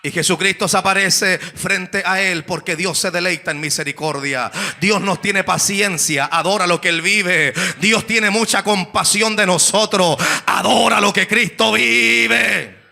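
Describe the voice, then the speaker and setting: A man preaching at a high, gravelly pitch with a bright, piercing tone. He shouts his main points, drops to quiet asides between them, and keeps asking the congregation for an amen. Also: unhurried. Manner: swings between hushed asides and shouted climaxes; calls for amens from the congregation. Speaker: pastor. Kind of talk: shouted evangelical sermon.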